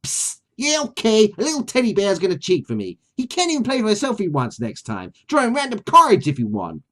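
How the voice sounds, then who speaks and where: A man voicing a wisecracking male parrot sidekick, with a loud, squawky put-on Brooklyn accent. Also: high voice, wildly swooping pitch, brisk, pitched above the performer's own voice, heavily acted. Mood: sarcastic.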